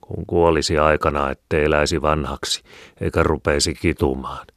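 A man's voice: very deep voice, fairly even intonation, a bit bright, no room sound, studio quality. A man voicing an outspoken peasant woman who scolds and grumbles with indignation. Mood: indignant.

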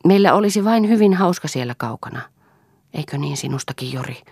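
A woman's voice: sits low, lively intonation, darkish tone, slightly rough, no room sound, studio quality, pitched above the performer's own voice, full character voice. A woman voicing a tender young woman who speaks in a wistful, pleading way, in a read-aloud story. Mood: dreamy.

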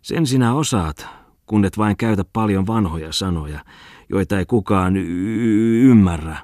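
A male audiobook reader voicing a tipsy, excitable newspaper editor who stammers and bursts out loudly. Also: lowish voice, no echo, studio quality. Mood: slurring. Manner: stammering, rising to loud outbursts.

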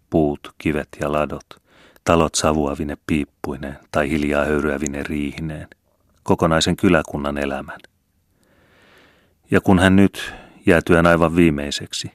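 A man narrating a novel as an audiobook reader, in a steady, measured storybook reading. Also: very deep voice, no room sound, clean studio sound. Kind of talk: scripted narration.

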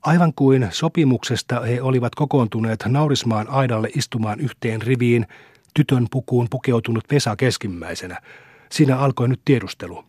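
A man narrating a classic novel in a steady, measured storytelling manner. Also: mid-range voice, breathy edge, dry recording, clean studio sound. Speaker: audiobook reader.

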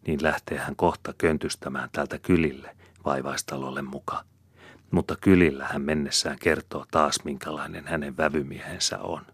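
A man narrating an audiobook in a measured way, often dropping to near-whispers. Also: very deep voice, fairly bright tone, slightly rough, no room sound. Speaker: audiobook reader.

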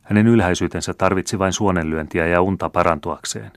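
A man's voice: deep voice, steady tone, no room sound, clean studio sound. A man reading the lines of a wise, dutiful young woman in an audiobook, in a grave, pleading way.

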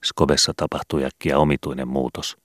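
A man reading a children's book aloud in calm, measured scripted narration. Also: very deep voice, no room sound, clean studio sound. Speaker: audiobook reader.

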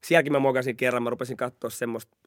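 A man's voice: mid-range voice, no echo, studio quality. A young man telling a story on a podcast, laughing and acting out what people said. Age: young adult. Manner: animated, laughing, acts out quotes. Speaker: podcast host. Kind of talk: casual storytelling chat.

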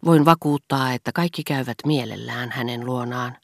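A woman reading a reserved, polite gentleman. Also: a bass voice, dry recording, studio quality. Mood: dismissive.

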